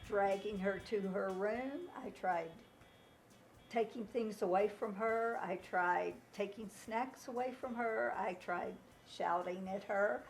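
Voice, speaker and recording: A woman speaks slowly and thoughtfully about raising her daughter in a documentary interview. Her pitch is ordinary and middling. Faint music plays behind her. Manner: unhurried and thoughtful. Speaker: mother interviewed about parenting.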